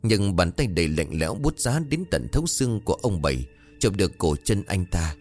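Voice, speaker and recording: A man's voice: low voice, big pitch swings, brisk, darkish tone. A man narrating a ghost story and voicing its characters in the dialogue. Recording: faint music behind.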